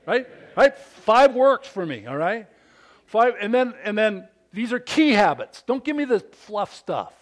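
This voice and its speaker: A pastor in his fifties gives a sermon to fathers in an unhurried manner, though his delivery is big and animated and invites amens from the congregation. His voice is high.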